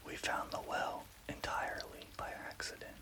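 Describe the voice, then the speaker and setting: A man narrating a scary story as ASMR in an unvoiced, breathy whisper, with careful scripted delivery. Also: normal speed.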